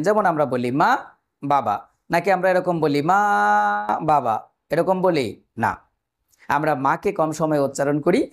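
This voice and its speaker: Male tutor, fairly high voice, methodical exam-prep explainer who quizzes viewers. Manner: explains step by step, asks the viewers questions. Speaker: teacher. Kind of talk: exam-prep grammar lesson.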